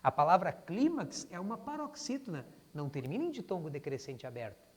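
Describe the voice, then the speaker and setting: A man's voice: fairly high pitch, sing-song, fairly quick, husky. A Brazilian man teaching grammar to students, who calls himself "o prof" and keeps calling the class "gente". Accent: Brazilian Portuguese. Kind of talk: classroom lesson. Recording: long hall reverb.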